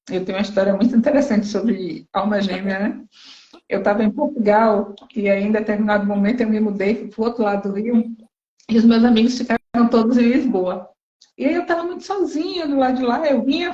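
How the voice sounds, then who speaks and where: A woman host telling a story in a calm, unhurried way during a casual, spiritual chat. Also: fairly high pitch. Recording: roomy, slightly dull sound.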